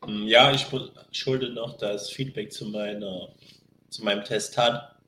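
A man's voice: fairly low pitch, fairly even intonation, measured pace, pushed and bright, a little hiss or hum. Young man rambling in slang, echoey room. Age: young adult. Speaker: podcast co-host. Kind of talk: casual chat.

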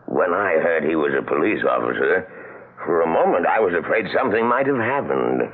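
A thin old radio drama recording of a genial, conservative husband. He speaks hesitantly and politely in a deep voice with lively swings. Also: a little fast, slightly rough, phone-quality sound, heavily acted. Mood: amiable, curious. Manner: hesitant, genteel. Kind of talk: 1970s American radio drama acting.

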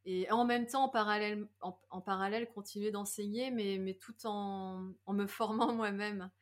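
A woman's voice: mid-range voice, steady tone, normal speed. Reflective woman yoga teacher guest. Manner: reflective, hesitant, laughs easily. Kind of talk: podcast interview.

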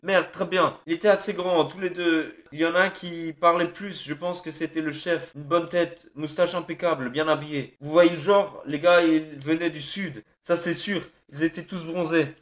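A panicked captive in an audio drama, played by a man, his high voice cracking as he stammers, begs and curses. He sobs through his words, breaking into broken pleas. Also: steady tone, moderate pace, few pauses, close to an everyday voice. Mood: nervous. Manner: panicked, stammering, pleading and cursing. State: sobbing. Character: terrified captive thug under interrogation, male adult.

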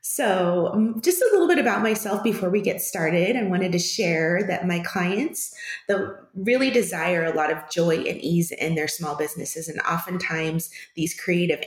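Lower-voiced upbeat woman guest in echoey room. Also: normal speed. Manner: warm and upbeat, self-introducing. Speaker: podcast guest, business coach. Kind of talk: casual interview talk.

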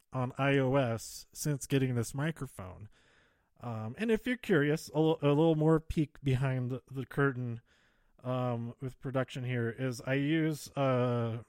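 A man podcasting solo in a halting, rambling way, slightly out of breath as he speaks close to the microphone. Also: medium pitch, darkish tone, no room sound. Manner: hesitant, halting, trailing off and circling back. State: slightly out of breath, holding back exhales. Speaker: podcast host. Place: close-miked, dry recording. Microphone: handheld or close microphone plugged into a phone.

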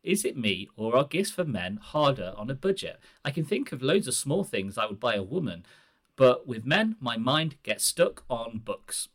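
A man hosting a podcast, reading forum posts aloud in a measured, earnest way. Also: mid-range voice, big pitch swings, fairly bright tone. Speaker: podcast host.

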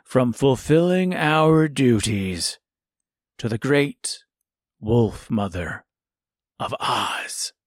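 A man voicing a menacing male wolf pack leader who speaks slowly with a low growl. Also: no room sound, studio quality.

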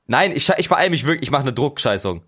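A man's voice: medium pitch, sing-song, fast talker, a bit bright. A young man co-hosting a podcast, bantering with crude jokes. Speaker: podcast co-host. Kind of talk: casual chat.

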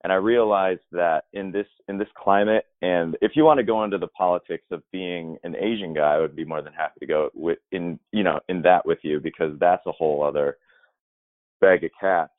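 A low-voiced musical theater performer gives reflective interview answers over a dry, tinny, phone-like line with no room sound. He speaks a little fast with fairly even intonation, thoughtful and rambling, full of restarts and fillers.

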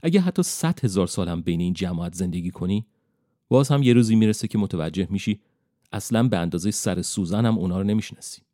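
A man's voice: low voice, expressive, dark tone, no room sound, studio quality. A man voicing another man, a companion who sounds incredulous and exasperated and gives orders.

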